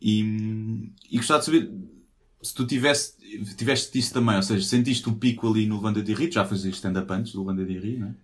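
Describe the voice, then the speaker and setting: A podcast co-host chats quickly in a low register. He asks his questions loosely and casually. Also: fairly even intonation.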